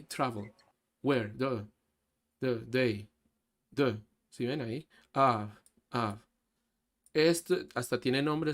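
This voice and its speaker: A man teaching an online English class, explaining slowly and mixing Spanish with English. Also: medium pitch. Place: online class over a video call. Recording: faint background music. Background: soft background music.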